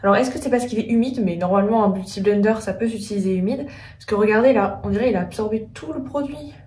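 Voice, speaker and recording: Speaking fast in a dark, mid-range voice, this beauty vlogger chats her way through a relaxed makeup tutorial. She thinks aloud and keeps filling gaps with "euh." The recording has room echo, and she sits a bit back from the mic.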